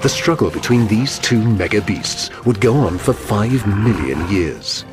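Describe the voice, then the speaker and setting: A man's voice: fairly low pitch, animated, unhurried, over loud music. A man reading scripted documentary narration in a dramatic manner.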